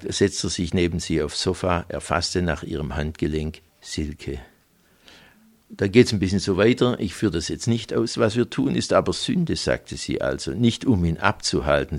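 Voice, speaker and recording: An older man, an author, reading from his own crime novel and then answering interview questions with many hesitations. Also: low-pitched. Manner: hesitant with many fillers when speaking freely. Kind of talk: reading aloud and interview talk.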